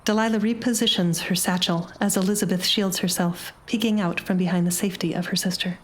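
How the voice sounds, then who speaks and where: A woman reading a short story aloud in a measured, dramatic narration. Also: medium pitch, steady tone. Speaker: audiobook narrator.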